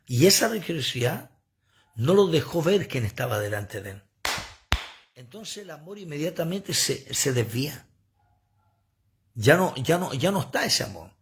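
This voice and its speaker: A male preacher delivers a sermon into a phone, his voice husky with a gravelly creak. He preaches with lively swings in pitch and breaks off to talk straight to the people watching. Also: moderate pace, pauses often. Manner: preachy, animated, asides to viewers. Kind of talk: livestreamed sermon.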